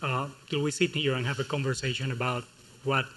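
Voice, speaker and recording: Bright-voiced Cuban man on a panel. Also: mid-range voice, little pitch movement, brisk, slight background noise, low-quality recording. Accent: Cuban Spanish. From Cuba. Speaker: chef on a panel. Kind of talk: panel talk. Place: museum event hall.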